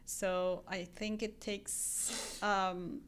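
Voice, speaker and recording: A woman with an Iranian accent speaks in a clear, smooth voice at an unhurried pace. She talks earnestly as a podcast guest, pausing on ums and restarting her sentences. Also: mid-range voice, flat delivery. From Iran. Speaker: guest real estate agent. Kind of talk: casual podcast interview.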